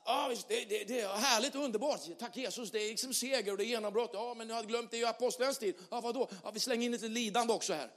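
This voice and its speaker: A man preaching a lively sermon as pastor, moving from loud shouts down to soft, quiet lines. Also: very high-pitched, hardly any pauses. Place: church hall. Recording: long hall reverb.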